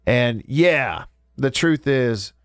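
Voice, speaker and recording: Congested from a cold, a man hosts a radio sports talk show in a studio, sounding easygoing, chuckling, and often restarting his sentences. His mid-range voice is animated with drawn-out words, and there's no room sound in this casual chat.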